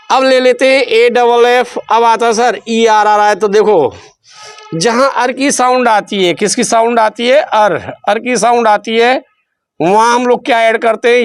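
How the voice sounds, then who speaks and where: A man's voice: high voice, clean tone, no room sound. A man teaching a spelling lesson. He repeats his questions back to the students and stretches out syllables. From India. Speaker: English teacher. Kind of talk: spelling lesson explained in Hindi.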